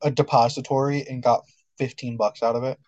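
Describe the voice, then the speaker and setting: A man co-hosting a podcast in casual chat, with quick, playful banter. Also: mid-range voice, flat delivery, darkish tone, no echo. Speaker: podcast co-host. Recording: dull lo-fi audio.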